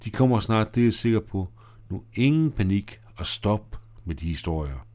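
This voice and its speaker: A man voicing a stern man who takes charge and orders the others to calm down, in an audio drama. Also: lowish voice, natural voice. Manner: stern, commanding.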